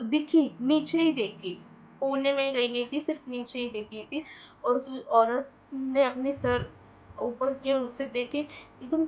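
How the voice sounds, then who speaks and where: A woman casually telling a horror story, her speech hesitant and full of fillers and restarts. Her voice sits a little high. Faint background noise is heard. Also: low-quality recording.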